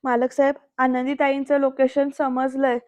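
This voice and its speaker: A woman voicing a brisk, official male police inspector while quoting his lines in a serial recap. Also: high-pitched, completely flat delivery, darkish tone, no room sound, natural voice. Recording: dry, slightly muffled voice-over.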